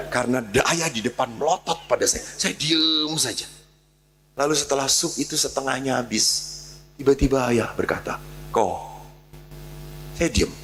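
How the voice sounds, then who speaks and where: Gravelly priest telling a story. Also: male voice, medium pitch, slight background noise. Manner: animated storyteller, acts out dialogue. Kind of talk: storytelling sermon.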